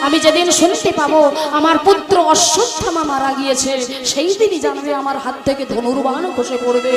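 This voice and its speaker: A woman's voice: high voice, natural voice. Woman voicing a grave old warrior teacher. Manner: solemn, fatherly address. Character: aged male warrior teacher, grave and proud. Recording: echoey stage with loud music.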